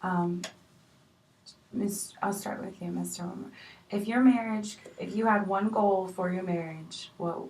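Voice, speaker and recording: A woman playing a patient marriage counselor in a role-play, speaking gently with many fillers. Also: mid-range voice, fairly even intonation, a little slow, natural voice. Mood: probing. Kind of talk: amateur improvised role-play. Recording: echoey room, distant mic, faint noise.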